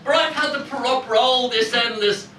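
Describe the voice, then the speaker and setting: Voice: mid-range voice, moderate pace, lightly acted. A performer playing a weary, long-suffering ghost who grumbles hammily in a comic amateur pantomime. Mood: exasperated. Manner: complaining, long-suffering, hammy. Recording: roomy echoing live hall, distant mic, noisy.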